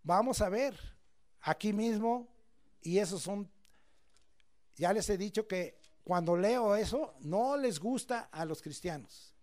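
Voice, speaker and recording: High-voiced preacher, loud and soft by turns. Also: male voice, expressive, slow pace, long pauses. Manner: swings from quiet asides to loud emphatic proclamations; folksy and joking with the congregation. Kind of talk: sermon. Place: church.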